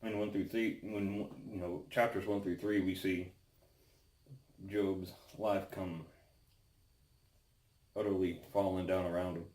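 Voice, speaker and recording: A man giving a casual devotional talk and Bible reading, halting and pausing often mid-sentence. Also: sits low, flat delivery, a little mellow. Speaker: devotional host. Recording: roomy, echoing sound.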